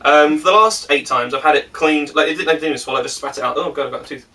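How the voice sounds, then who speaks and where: A man's voice: fairly high pitch, rapid-fire, sharp tone. A man hosting a casual podcast chat among friends, telling stories with plenty of laughter and jokes. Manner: laughing, joking storyteller. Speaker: podcast host. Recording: distant mic with faint noise.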